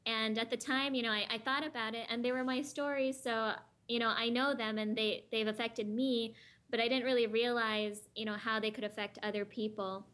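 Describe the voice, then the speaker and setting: A young woman from South Florida, a guest on a talk show joining by video call, chatty and quick to laugh. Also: fairly high pitch, fairly even intonation, a bit bright. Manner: chatty, laughs easily, many fillers. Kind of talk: interview over video call.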